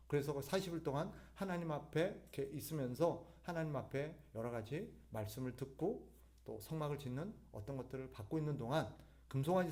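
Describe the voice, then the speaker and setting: A man preaching at an evening church service in a fairly high, very animated voice that leaps up and down in pitch. He keeps asking the congregation questions and answering them himself, breaking into sudden forceful emphasis. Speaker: pastor. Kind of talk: sermon.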